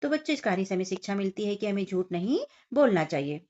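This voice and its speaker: A woman's voice: mid-range voice, very animated, fast talker, warm tone. A woman teacher walking young children through a Hindi workbook lesson, explaining each picture and question step by step and speaking to them directly. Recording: dull lo-fi sound.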